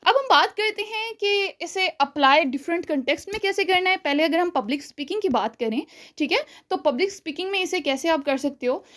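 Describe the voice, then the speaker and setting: A woman teaching a spoken-English lesson, explaining step by step, checking in often with her listeners, and showing volume changes, pauses and stretched words. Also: very high voice, lively intonation, fairly bright tone. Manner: explanatory, checks in with frequent "theek hai?".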